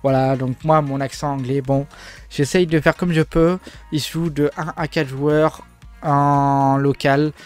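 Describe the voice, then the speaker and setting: French-speaking guy rambling about games, bit high voice, faint music behind. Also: fairly even intonation, measured pace, a little mellow. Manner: rambling, joking, many fillers and restarts. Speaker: gaming video host. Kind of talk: casual game overview.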